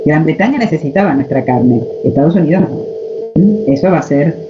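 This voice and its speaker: A woman's voice: deep voice, animated, normal speed, music in the background. A woman with an Argentine accent teaching a history class over a video call, lecturing and posing rhetorical questions to her students. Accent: Argentine Spanish. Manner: lecturing, asks rhetorical questions, frequent "este" fillers. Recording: muffled online call audio, faint noise.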